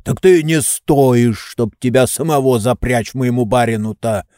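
A man voicing a hoarse, indignant old servant. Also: mid-range voice, steady tone, a little slow, mellow, no room sound, studio quality, lightly acted. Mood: scornful. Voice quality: hoarse, wheezing. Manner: heated, indignant, boastful. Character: old male servant, hoarse, touchy and devoted. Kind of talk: audiobook reading.

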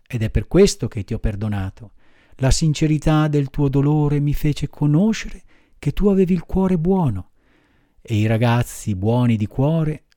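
A man voicing a patient, motherly fairy woman, speaking softly and firmly in an audiobook reading. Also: no room sound, studio quality, close to an everyday voice. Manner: soft lowered voice, measured admonishing tone. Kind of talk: audiobook character voice.

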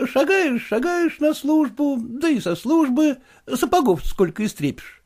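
A man's voice: extremely high pitch, expressive, a little slow, a little mellow, voice pushed up, exaggerated voice. A man voicing a young male suitor who sounds fawning and whiny. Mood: pleading. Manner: pleading, deferential, whiny.

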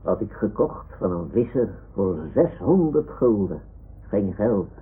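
A man with a lowish, breathy-edged voice plays a self-important toy lion masquerading as a sea lion and retired seafaring captain, speaking a little slowly with big pitch swings in boastful, dreamy declarations. It's heavily acted 1960s-70s Dutch radio drama, muffled and phone-like on an old recording.

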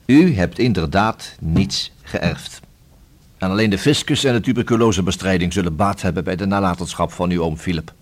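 In a Dutch radio play, a male actor with a low voice portrays a courteous but persistent police investigator. He speaks formally, deliberately and at length, with a matter-of-fact mood.

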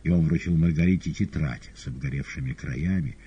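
Deep husky male audiobook narrator. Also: brisk. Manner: expressive, theatrical. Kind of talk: dramatic audiobook reading. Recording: dull lo-fi audio.

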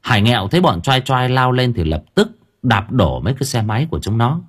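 A man narrates an audiobook in a lively, colloquial way. His voice is husky and a little breathy. His pitch rises and falls freely as he tells the story. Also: brisk.

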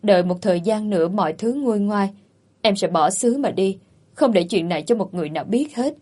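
A woman's voice: medium pitch, a little fast, a little mellow, natural voice. A woman voicing a cunning young woman who pleads and sobs to look pitiful. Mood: pleading. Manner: pleading, tearful. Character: young woman, sly, plays the pitiful victim.

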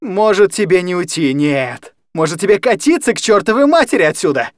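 A man's voice: sing-song, a little fast, no room sound. A man voicing a sixteen-year-old girl who screams in fury and loses all control, in a storybook reading. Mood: screaming, furious. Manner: screaming, shrill, losing control. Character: furious teenage girl, sixteen, shouting.

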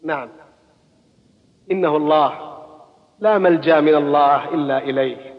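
A man preaching a colloquial sermon, swinging into loud exhortation, recorded at a mosque gathering. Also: fairly high pitch, moderate pace, big-room sound, dull audio.

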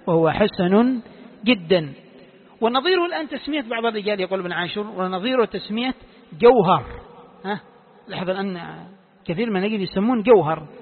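A man teaching Quran commentary to a class, who repeats key phrases and quizzes his students with questions as he explains. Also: high-pitched. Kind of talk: classroom lecture. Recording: echoey hall, tinny phone-like sound.

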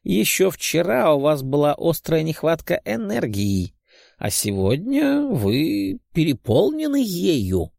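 A man's voice: a little high, wildly swooping pitch, slow, gravelly, a little mellow, no room sound, studio quality, voice pushed up, full character voice. A man voicing a polite, curious old doctor.

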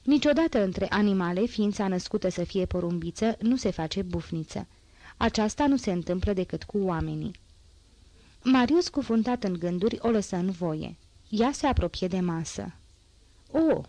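A woman narrating a classic novel as an audiobook, in a steady, measured reading. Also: mid-range voice, no echo.

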